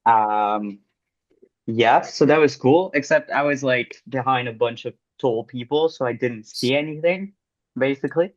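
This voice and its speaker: A man's voice: mid-range voice, measured pace, no echo, highs cut off. A young man with a French accent, a podcast co-host telling a story in casual, rambling chat full of fillers. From France.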